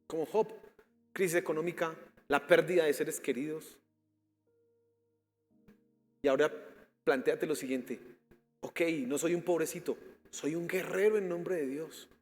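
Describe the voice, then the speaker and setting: A man's voice: fairly high pitch, unhurried, long pauses, in a large hall, faint music behind. A male pastor from Colombia preaching a sermon and leading a fervent prayer in a church. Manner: impassioned preaching with rising prayer. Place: church sanctuary.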